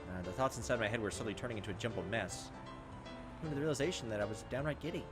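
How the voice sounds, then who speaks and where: Music plays as a man with a medium-pitched voice rattles through a visual novel at rapid-fire speed for a let's play. Animated and wry, he adds casual joking asides between the passages he reads.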